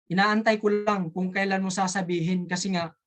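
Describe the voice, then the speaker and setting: A storyteller with an Ilonggo accent voicing a calm, knowing old grandfather in a casual spoken anecdote. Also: medium pitch, moderate pace, natural voice. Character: calm old grandfather who saw everything.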